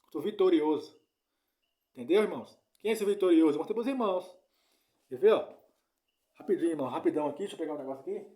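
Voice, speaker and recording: A man giving an informal Bible lesson. His voice is mellow and sits a little high. He circles back over each point and keeps checking that his listeners follow. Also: lively intonation, fast talker, long pauses. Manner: repetitive, keeps asking "né?" and "entendeu?". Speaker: preacher.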